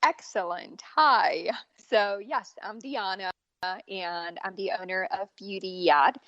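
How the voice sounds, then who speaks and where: A woman in her forties, born in Bosnia and raised in Germany, speaking as an as a makeup artist guest on an interview podcast, unhurried and earnest. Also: medium pitch, a bit bright, dry recording, dull audio. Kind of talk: casual interview talk.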